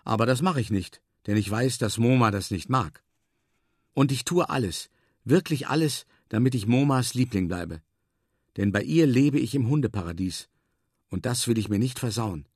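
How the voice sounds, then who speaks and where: A man narrating a storybook in the first person as a dog, calm and measured, stretching words for emphasis. His voice sits at an ordinary middle pitch. The sound is dry and close, with no room echo. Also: breathy edge. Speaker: audiobook narrator.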